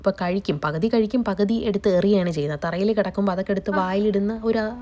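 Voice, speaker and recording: A woman's voice: mid-range voice, very fast, dark tone. A young woman vlogging at home with a cold, chattily explaining her day and cooking to viewers. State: has a cold, voice changed. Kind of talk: casual vlog narration. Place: family home kitchen, indoors.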